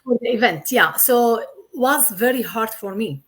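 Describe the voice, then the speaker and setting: This woman, a Syrian in her thirties, sits for a casual interview and speaks earnestly in plain, repetitive English as a non-native speaker. Her voice is on the high side and expressive, moving at a moderate pace.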